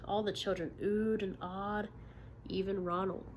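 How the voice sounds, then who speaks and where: A woman with a mid-range voice reads a children's storybook aloud in the manner of a teacher. Her delivery is expressive and emphatic, with encouraging questions that check the listeners follow along. A light layer of room noise sits behind her. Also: mid-range voice, unhurried. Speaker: teacher reading a picture book aloud to children.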